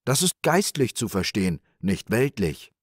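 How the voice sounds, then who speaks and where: A man voicing a humble, sly old wanderer in a spoken fairy tale, mild and gentle. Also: fairly low pitch, very animated, measured pace, dry recording, clean studio sound, voice pushed up.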